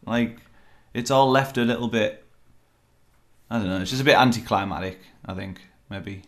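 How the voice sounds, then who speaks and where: Male host, deep-ish voice, chatty and halting, casual podcast review. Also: a bit bright. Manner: rambling, hesitant, lots of fillers. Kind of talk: casual film review chat.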